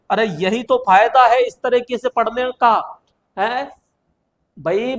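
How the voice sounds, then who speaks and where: A man teaching an exam-prep class. He is chatty, asks questions and answers them himself, and repeats phrases for emphasis. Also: high voice. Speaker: coaching teacher.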